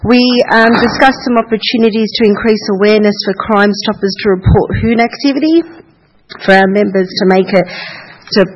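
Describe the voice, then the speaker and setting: A man's voice: high-pitched, brisk, lo-fi sound, a little hiss or hum. A man, a councillor, reporting on community events in a hesitant way with many ums and restarts. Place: council chamber.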